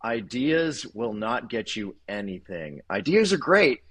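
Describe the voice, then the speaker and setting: A man's voice: mid-range voice, sing-song, unhurried, a bit bright. A man talking casually as a guest author in an interview, chatty and self-deprecating, laughing often.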